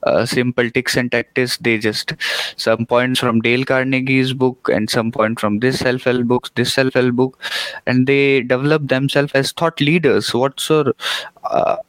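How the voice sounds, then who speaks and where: A man's voice: medium pitch, little pitch movement, measured pace, smooth, no room sound, low-quality recording. A teenage man hosting a podcast interview, speaking earnestly with many fillers like "you know" and "uh". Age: teens. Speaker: podcast host. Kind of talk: casual interview conversation.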